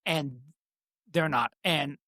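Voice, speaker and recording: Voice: medium pitch, slow pace, pushed and bright, no echo, studio quality. A podcast host with a speech impediment that turns R sounds toward W, talking politics casually in a blunt, profane way. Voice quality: speech impediment, cannot pronounce R sounds, says W for R.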